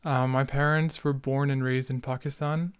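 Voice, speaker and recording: A young Canadian man in his late teens or early adult years hosts a solo podcast, rambling casually and reminiscing, interrupting himself and using youthful slang. His voice is medium-pitched and level at a normal speed, with a clean tone and clean studio sound free of room noise.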